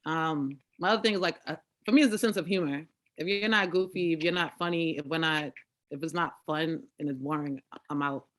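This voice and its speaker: A woman's voice: sits low, a little fast, fairly bright tone. A young woman guest chatting casually in an interview, with many fillers. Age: young adult.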